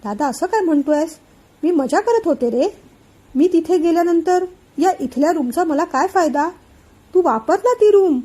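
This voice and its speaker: A playful young sister coaxes her brother lightly, voiced by a woman reading the story. Her voice is high and mellow. It is a storybook reading. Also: animated, normal speed. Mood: coaxing.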